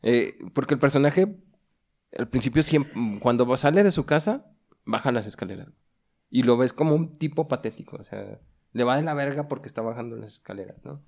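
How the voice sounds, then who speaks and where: A man's voice: medium pitch, expressive, brisk, creaky, darkish tone. A man with a Mexican Spanish accent chatting casually about a film, slangy and full of storytelling energy.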